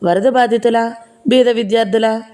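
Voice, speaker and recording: Brisk middle-aged engineer, rattles off questions, read by a woman narrator. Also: very high voice, fairly even intonation, darkish tone, clean tone, pitched above the performer's own voice. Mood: rapid-fire. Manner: rapid-fire questions, brusque but jovial.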